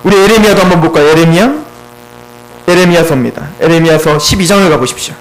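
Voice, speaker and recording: A man's voice: on the high side, lively intonation, quick pace, a little hiss or hum, rough recording. A man preaching a sermon as pastor, earnest and pleading, putting question after question to his congregation.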